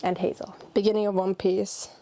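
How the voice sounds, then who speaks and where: Chatty woman with a gravelly edge. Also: mid-range voice, flat delivery, normal speed. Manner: chatty, fillers like "okay" and "like". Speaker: anime reviewer and vlogger. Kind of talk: casual recap vlog.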